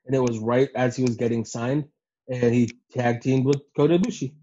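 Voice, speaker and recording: A man's voice: medium pitch, fairly even intonation, brisk, dark tone, slight background noise. A man co-hosting a podcast, giving a casual recap, swearing freely and acting out quotes. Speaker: podcast co-host. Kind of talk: casual animated recap chat. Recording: dull lo-fi voice recording.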